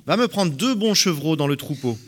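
A man's voice: a little high, expressive, moderate pace, pitched above the performer's own voice. A man voicing a scheming mother who gives firm, urgent orders in a scripture reading.

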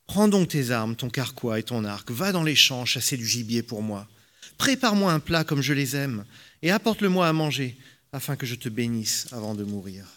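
A man voicing an old blind father in a scripture reading, speaking in a measured, solemn way. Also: mid-range voice, very animated, fairly bright tone.

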